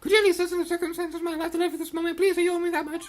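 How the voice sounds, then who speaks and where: A woman's voice: extremely high pitch, little pitch movement, a little mellow, pitched above the performer's own voice. A woman voicing a young girl, a rich debutante fallen into poverty, in a theatrical, pleading and self-pitying way as she reads game dialogue. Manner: theatrical, pleading, rapid gushing delivery. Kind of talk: reading game dialogue aloud in a put-on voice.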